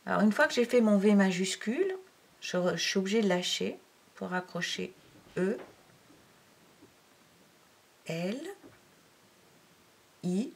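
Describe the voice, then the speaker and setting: A woman's voice: medium pitch, lively intonation, gravelly, breathy edge. A woman teaching handwriting to a young pupil, talking through each stroke step by step and counting aloud, sometimes dropping to a near-whisper. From France. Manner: slow, counting aloud while writing, drops to near-whisper. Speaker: primary school teacher.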